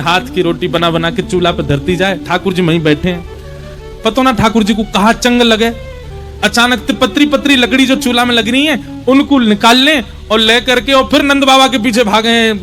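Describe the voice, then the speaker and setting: A man with a Braj accent telling devotional stories in an animated, folksy way, stopping to explain words to listeners. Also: sits high. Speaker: katha storyteller. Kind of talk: devotional storytelling sermon.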